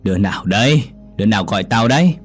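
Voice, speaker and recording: A man's voice: on the low side, animated, quick pace, husky, soft background music. A man voicing a spiteful, hot-tempered older mother-in-law who scolds and curses shrilly. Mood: scolding.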